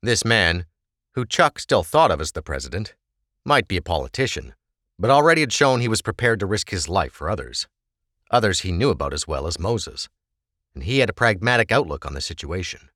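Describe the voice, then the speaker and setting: A man's voice: sits low, sing-song, brisk, a bit bright, no echo. A man narrating an audiobook with a dramatic, varied delivery on a close microphone.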